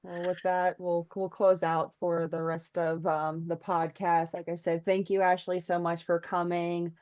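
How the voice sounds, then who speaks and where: A woman's voice: on the low side, flat delivery, measured pace, a little mellow. A woman co-hosting a podcast, chatting in a friendly way over a video call. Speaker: co-host. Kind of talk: casual chat. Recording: dull, dry lo-fi call audio.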